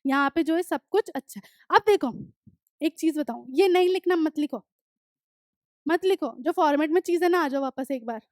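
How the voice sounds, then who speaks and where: High-voiced Indian woman teaching grammar. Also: expressive, darkish tone, no room sound, clean studio sound. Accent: Indian English. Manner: explains step by step, reads model sentences slowly, asks rhetorical questions. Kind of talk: online lesson explaining letter writing.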